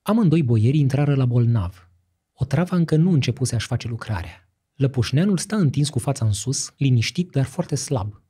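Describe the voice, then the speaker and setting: Male audiobook narrator for historical fiction, dramatic delivery, dark and husky. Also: medium pitch, animated. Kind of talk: scripted literary narration.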